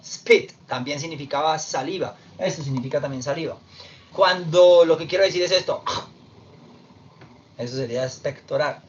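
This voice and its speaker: A man teaching an online English class, slowly explaining and repeating verb forms. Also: a little high. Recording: distant, dull lo-fi audio with faint noise.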